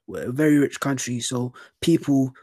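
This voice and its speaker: Slangy young London roadman, slightly husky. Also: medium pitch, normal speed, a little mellow, dry recording, clean studio sound. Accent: London roadman, urban slang. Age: young adult. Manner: slangy, with frequent "innit" and "bro" tags. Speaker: podcast speaker. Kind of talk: casual chat.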